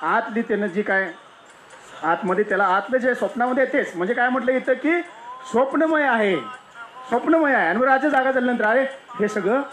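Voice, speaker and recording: Explaining teachings via a parable, a spiritual discourse speaker keeps asking rhetorical questions and then answering them, returning to key points as he goes. The voice is mid-range and a bit bright.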